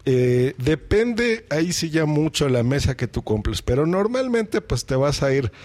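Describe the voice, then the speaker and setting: A man's voice: fairly high pitch, very animated, measured pace, darkish tone. A man and podcaster explaining audio gear step by step in a casual tutorial, speaking to viewers from his home mixing desk. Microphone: studio microphone through a mixing desk.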